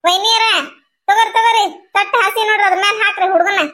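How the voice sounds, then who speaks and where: A woman's voice: very high-pitched, fairly even intonation, fast, bright, forceful tone. A woman voicing a cheeky, gossipy young sister-in-law in a cartoon, taunting in a North Karnataka Kannada accent. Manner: teasing, taunting.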